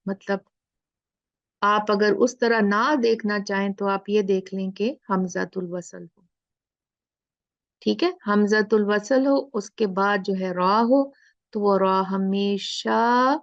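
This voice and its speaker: Slow, gravelly-voiced woman teaching recitation. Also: medium pitch, no echo. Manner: slow, drawn-out demonstration of letter sounds. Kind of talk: explaining a lesson. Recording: dull lo-fi recording.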